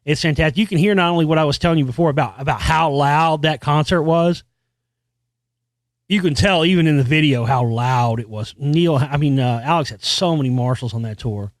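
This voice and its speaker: A man hosts a podcast alone, rambling loosely about music at a slightly fast pace, with restarts and casual swearing. He is an experienced singer with a high singing voice, and the audio is studio quality with no echo.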